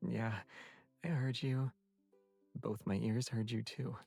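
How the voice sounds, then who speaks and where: A man playing a calm, devoted young hunter in a video game, with a flat, apathetic, unhurried delivery. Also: medium pitch, creaky, slightly rough, dry recording, faint music behind, full character voice. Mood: calm, understated.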